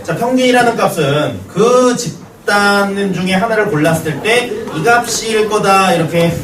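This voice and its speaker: Male math teacher, slightly high, animated, banters with students, distant roomy sound. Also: a little slow, crowd noise. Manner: joking banter with students, storytelling. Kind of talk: classroom lecture. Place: classroom. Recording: roomy classroom echo, distant mic.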